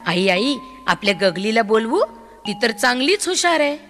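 A woman's voice: on the high side, very animated, normal speed, a bit bright, faint music behind. A woman voicing an eager young village boy in a children's story.

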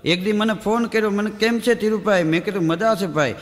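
A man telling folk jokes on stage and acting out the dialogue in quick back-and-forth quotes. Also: sits high, big-room sound. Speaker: comedian telling village jokes. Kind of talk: Gujarati folk humor storytelling (lok dayro). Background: audience laughter.

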